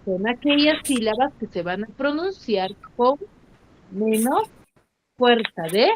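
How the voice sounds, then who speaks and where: A woman's voice: fairly high pitch, lively intonation, slow, slight background noise. A woman teaching an online class, quizzing pupils and stretching out syllables for emphasis, heard over a video call mic. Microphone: computer mic on a video call. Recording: slightly muffled online call audio.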